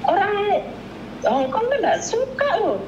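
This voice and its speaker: A woman's voice: very high voice, big pitch swings, slow pace. A woman in her forties telling her story in a casual interview, rambling and often acting out the voices of others. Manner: meandering, acts out quoted voices, repeats "Miss". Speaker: interview guest, former domestic worker. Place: small home room. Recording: roomy, dull, noisy room recording.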